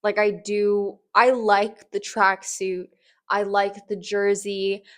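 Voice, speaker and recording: A woman's voice: medium pitch, level tone, takes it slowly. Casual, chatty woman giving fashion opinions. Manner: informal, conversational, frequent "like" as emphasis. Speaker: fashion commentator, host.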